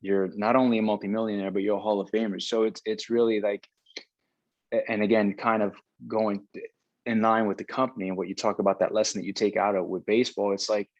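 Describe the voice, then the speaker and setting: Deep-voiced man, dry close sound. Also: level tone, fast talker, dry recording, muffled recording. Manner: rambling, many restarts. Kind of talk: casual conversation about baseball.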